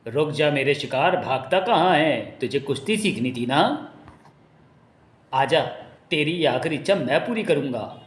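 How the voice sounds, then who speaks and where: A savage tree monster growls out threats in a comic-book cartoon, as a man puts it on. The voice is slightly high but gruff and menacing. It rings in an echoey room. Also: animated, unhurried. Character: savage male tree beast, menacing brute.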